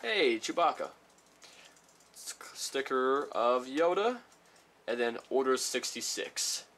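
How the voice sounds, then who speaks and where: A man chatting casually while unboxing trading cards, rambling and reading each card title aloud slowly, a little sick. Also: mid-range voice, lively intonation, a bit bright. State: slightly sick. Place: small room at home.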